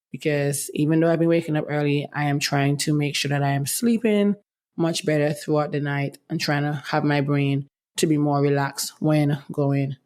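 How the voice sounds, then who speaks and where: Hosting a relaxed solo podcast, a young woman talks frankly and chattily, her voice shaped by medication. It's low and a little mellow, and she often says "let me tell you."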